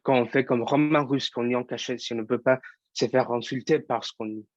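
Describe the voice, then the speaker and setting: A man's voice: medium pitch, fairly even intonation, brisk, no echo, muffled recording, lightly acted. A young man, a student actor, performing an impassioned theatre monologue as an angry young actor who fights prejudice. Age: young adult.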